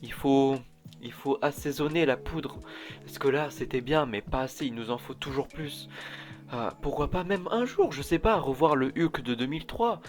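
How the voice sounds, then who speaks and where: Guy vlogging, rambly and chatty, keeps restarting sentences, mid pitch, soft music behind. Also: moderate pace. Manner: rambling, with frequent restarts and asides. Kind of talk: casual chat.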